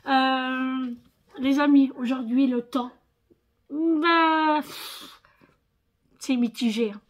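Tired northern french woman vlogging, slightly high voice, rambling chatty with lots of fillers. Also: fairly even intonation, drawn-out words. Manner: chatty, many fillers and tags. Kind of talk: casual chat.

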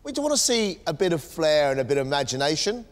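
A man's voice: a little high, big pitch swings, fast talker. British man judging and announcing a cooking round. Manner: firm, announcing. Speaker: cooking competition judge. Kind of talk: TV cooking show commentary. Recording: music under the voice.

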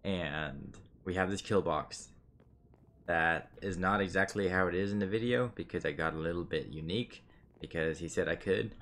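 A man's voice: low voice, fairly bright tone. A man giving casual, joking commentary while playing a building game. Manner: joking, self-mocking, chatty. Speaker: gamer.

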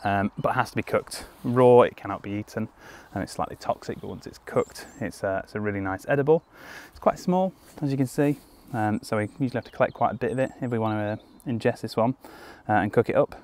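His voice sits on the lower side with a darkish tone, and he talks a little fast with hardly any pauses. He's a young British foraging guide crouched in a woodland clearing, teaching step by step with casual ums and restarts. A camera on a tripod a few metres away captures him in frame.

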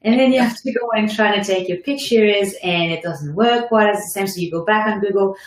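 A woman with a French accent, hosting a live online class and chatting warmly with her guest, with lots of fillers. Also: mid-range voice, brisk, echoey room, low-quality recording. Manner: chatty, encouraging, many fillers. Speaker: host. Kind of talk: live webinar chat.

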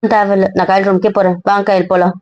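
Young wife in a home couple skit. Sulky, stubborn pleading. Warm, dark tone, dry lo-fi sound. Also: female voice, mid-range voice, level tone, fast, no echo. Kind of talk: casual couple banter. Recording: dull, dry lo-fi audio.

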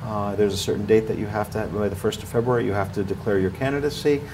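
Rambling, low-voiced man. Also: fast, background noise. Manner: rambling, with many fillers and restarts, gets louder when animated. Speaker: ski area marketing director, guest. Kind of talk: studio interview talk. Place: small TV studio, indoors.

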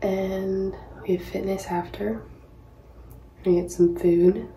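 Speaking slowly in a mellow, mid-range voice with a steady tone, a Hawaiian woman in her twenties, who plays tennis professionally, chats to camera while readying herself in a small bathroom. She rambles and mocks herself along the way. The recording comes from a close-up phone or laptop mic and is low quality, echoey, with a little hiss or hum.

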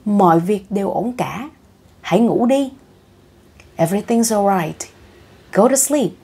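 A woman reading the lines of a wife at her husband's deathbed, speaking in a soothing, hushed way. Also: mid-range voice, expressive, measured pace, slightly rough, full character voice.

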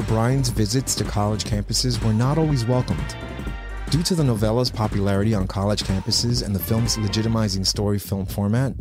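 A man narrating a scripted video essay in a measured, informative way. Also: on the low side. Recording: voice-over with music underneath.

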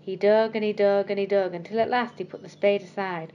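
A woman storyteller reading bedtime stories for children in a gentle, expressive way. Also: medium pitch, brisk, dull audio, slight background noise.

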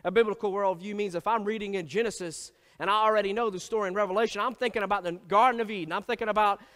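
A man's voice: high voice, steady tone, very fast, fairly bright tone, in a large hall. A man preaching as pastor, emphatic, building his points through repeated phrases. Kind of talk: sermon.

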